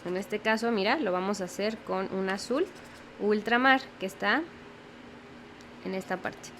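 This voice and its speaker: A young woman walks through a watercolor lesson, unhurried and patient, checking in with the viewer as she goes. Her voice sits in a middle pitch for a woman. A faint hiss of background noise runs under the recording. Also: a bit bright. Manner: patient, explains slowly, often checks in with the viewer. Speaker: watercolor teacher. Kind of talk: step-by-step painting tutorial.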